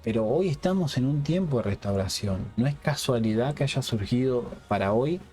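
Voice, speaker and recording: Halting man teaching the Bible. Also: medium pitch, lively intonation, warm tone, soft background music. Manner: asks "¿sí?" after nearly every phrase, halting restarts. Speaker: teacher of a Hebrew-roots ministry.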